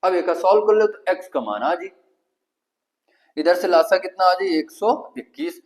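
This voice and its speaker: A man's voice: sits high, expressive, a little slow, a little mellow, low-quality recording. A man with a Kanpuri Hindi accent teaching an exam-prep math lesson, asking the class questions and answering them himself step by step.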